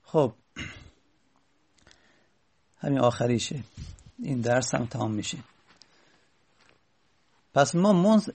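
Gravelly man teaching grammar patiently. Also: a little high. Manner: patient, repeats key points with stress. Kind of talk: Arabic grammar lesson.

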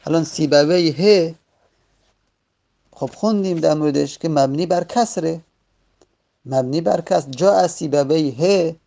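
A man teaching a grammar lesson patiently, repeating each word form several times, his pace slowing and rushing by turns. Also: on the high side, creaky, mellow. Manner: uneven pace, stretches some words and rushes others.

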